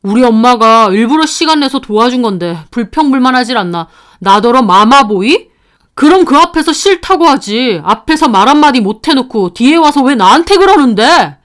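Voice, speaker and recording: A woman's voice: fairly high pitch, lively intonation, normal speed, clear, resonant tone, lightly acted. A woman doing a touchy, hot-tempered young man. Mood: angry shouting. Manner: defensive, flaring into shouting. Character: young adult male fiancé, touchy, quick-tempered.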